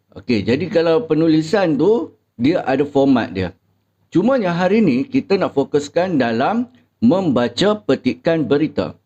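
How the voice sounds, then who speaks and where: A young Malaysian man gives a reading lesson to his pupils in a slightly high voice. He talks slowly and deliberately and fills pauses with short sounds. The recording is dull and lo-fi. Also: warm tone. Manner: slow and deliberate, with frequent filler sounds. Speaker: teacher.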